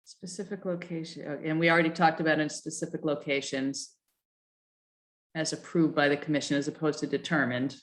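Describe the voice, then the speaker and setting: A woman with a notably low voice works through planning regulations in a meeting, reading clauses aloud and stopping to puzzle over them. She hesitates, restarts and fills pauses, and comes through a video call. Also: fairly even intonation. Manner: thoughtful and hesitant, many fillers and restarts. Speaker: town planning staff leading a commission review.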